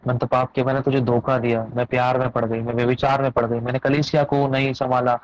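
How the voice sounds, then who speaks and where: A man's voice: mid-range voice, little pitch movement, fast talker, natural voice. A man preaching voices a repentant woman preacher who pleads through a list of confessions. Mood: pleading. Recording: dull lo-fi dry recording.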